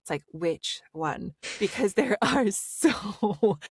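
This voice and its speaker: This woman has a husky, mid-range voice and speaks slowly, captured in a dry, clean studio recording. She's an audiobook narrator from the Pacific Northwest with a standard General American accent, talking animatedly and filling her podcast interview answers with plenty of fillers.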